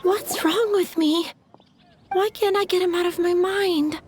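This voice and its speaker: A woman voicing a bashful, lovestruck young flower seller in a video game, soft, girlish and dreamy. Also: very high-pitched, unhurried, a little hiss or hum. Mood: lovesick. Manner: dreamy, flustered.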